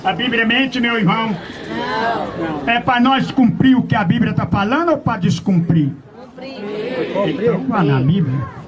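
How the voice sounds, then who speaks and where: A man's voice: high-pitched, lively intonation, moderate pace, pauses often, crowd noise. A man preaching an open-air sermon, questioning his listeners and drawing out verse references. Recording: dull lo-fi outdoor recording.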